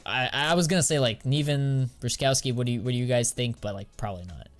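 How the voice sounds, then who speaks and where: A young American man with a medium-pitched voice streams live, chatting quickly with viewers over faint background music. He's easygoing and laid-back, full of casual slang and drawn-out filler words.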